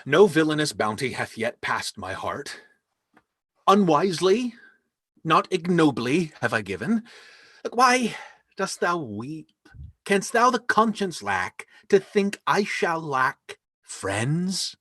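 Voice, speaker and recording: Man as a grand spendthrift lord in a stage play: slow, husky, very animated verse, dry home mic. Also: on the high side, no room sound, heavily acted. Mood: confident. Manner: slow, lively, emphatic verse speaking. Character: lavish generous nobleman facing ruin. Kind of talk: live online reading of a stage play. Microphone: home microphone on a video call.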